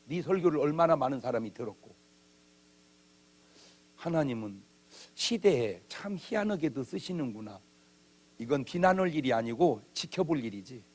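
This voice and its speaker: Casting: male pastor, revival sermon, high voice, big swings in pitch, comic delivery. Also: bright, forceful tone. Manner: humorous, conversational preaching with acted-out quotes. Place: church. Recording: old church video.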